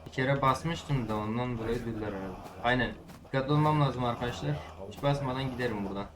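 A young man in his late teens giving excitable, swearing let's-play commentary and talking straight to his viewers. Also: medium pitch, fast, crowd noise. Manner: excitable, swears, shouts at the game; chatty, talks to his viewers. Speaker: gaming YouTuber. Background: game music.

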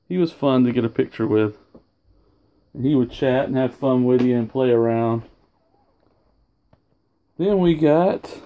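The sound is lo-fi and the man's pitch sits in the middle range. Indoors at home, leaning over a sofa, he casually presents his autograph collection for a home video, wandering off topic, losing his place, and fixing his own slips.

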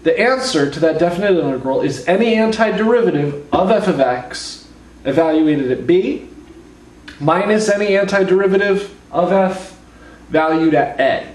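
A hungover young man teaches casually in a deadpan, slightly awkward way. His voice sits a little high. He is recorded in a roomy space at some distance from the mic. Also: moderate pace. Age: young adult. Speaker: calculus lecturer. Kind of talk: casual whiteboard lecture with joking asides. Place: living room at home, indoors. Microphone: camera mic from a few feet away.

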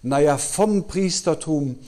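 A man's voice: on the high side, slow pace, mellow. German man teaching the Bible in a question-and-answer style. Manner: asks the audience questions and answers them himself, frequent "ja?". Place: conference hall.

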